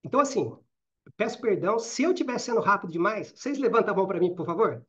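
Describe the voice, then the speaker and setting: In a live online session, a middle-aged Minas Gerais man from Brazil trains people on careers and networking, speaking rapidly and informally. His voice sits high and is animated with a fairly bright tone, and he often checks in with "né?" and "certo?". The sound is muffled, slightly dull lo-fi.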